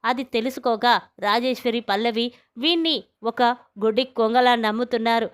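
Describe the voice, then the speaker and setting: A woman's voice: fairly high pitch, normal speed, clear, resonant tone, close to an everyday voice. A woman reading as a scornful younger brother. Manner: scornful, accusing.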